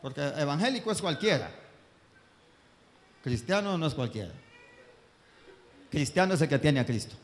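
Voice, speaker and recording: Male preacher, impassioned sermon delivery, highly animated pitch, long hall reverb. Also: normal speed, pauses often, a little hiss or hum. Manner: impassioned, swings between booming and hushed.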